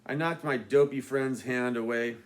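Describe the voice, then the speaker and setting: A man, the author, reading his own book aloud with dry, deadpan asides. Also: medium pitch, normal speed. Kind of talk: audiobook narration.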